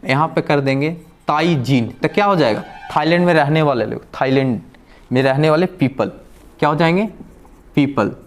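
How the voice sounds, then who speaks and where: A man with a fairly high voice teaches beginners in a classroom-style lesson. He asks a question, pauses, and answers it himself over and over. His explanations are patient and go one step at a time. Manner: drills with repeated questions and answers. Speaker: language teacher.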